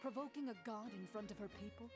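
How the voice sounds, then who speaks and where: Actress as a stern composed game duelist, slightly high voice, music underneath. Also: female voice, fast talker, lightly acted. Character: stern female duelist guard, cool and composed.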